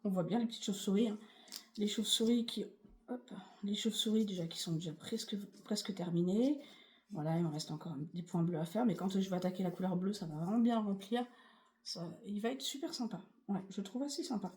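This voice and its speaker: A woman's voice: mid-range voice, brisk, darkish tone. A woman vlogging casually about her cross-stitch projects, rambling and chatty with many fillers. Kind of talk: casual chatty craft vlog.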